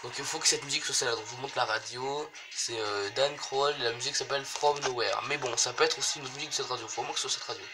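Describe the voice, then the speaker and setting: A man's voice: mid-range voice, fast, few pauses. A man hosting a gaming video, talking through gameplay in a rambling, hesitant way and swearing often. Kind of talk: casual gameplay commentary. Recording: noisy home recording.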